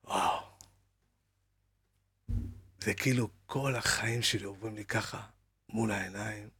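A man's voice: on the low side, steady tone, pushed and bright, slight background noise. A man telling his life story in an interview, with a dramatic manner that acts out the voices of the people in it. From Israel. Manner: dramatic retelling with acted-out quotes. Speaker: guest.

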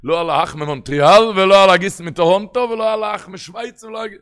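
A man's voice: high voice, clear, resonant tone, voice pushed up. A man putting on a wailing, desperate young bachelor. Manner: wailing, shouting, insistent. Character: desperate unmarried young man pleading to be betrothed.

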